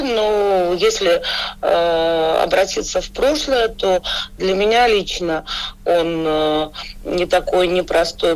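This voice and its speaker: A woman with a creaky voice gives a personal account as a radio guest. She talks spontaneously and hesitantly, halting often between phrases. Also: low-pitched, poor audio. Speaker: programme guest sharing experience.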